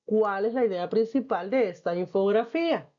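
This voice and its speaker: A female teacher walks through textbook exercises in a patient, clear classroom manner, reading the questions aloud and answering them. Her voice sits at an ordinary pitch, and the recording sounds a little dull and muffled. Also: normal speed. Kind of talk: textbook lesson explanation.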